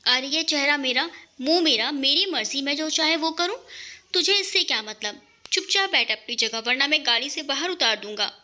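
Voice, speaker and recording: A woman's voice: sits high, moderate pace, bright, forceful tone. A woman doing a grumpy young man who snaps. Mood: irritated. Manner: curt, irritated scolding.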